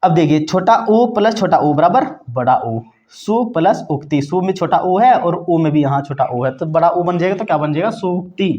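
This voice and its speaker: A man's voice: a little high, lively intonation, normal speed, few pauses, darkish tone, dull audio. A man teaching a grammar lesson, often checking in with the class and posing questions he then answers. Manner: repeats "ठीक है दोस्तों" and asks quiz-style questions.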